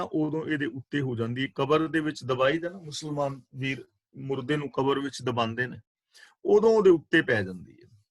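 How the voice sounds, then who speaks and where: A man giving a scripture exposition class on a video call, explaining patiently and repeating key words in a measured way. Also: a little high, no echo. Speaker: Sikh scripture teacher. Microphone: video call microphone.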